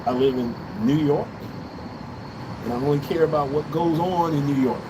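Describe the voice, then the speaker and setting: Out on an urban balcony, an American livestream host delivers a casual political rant, blunt and profane, repeating phrases for emphasis. His voice is somewhat high at normal speed, and loud city traffic, street ambience and passing vehicles fill the background.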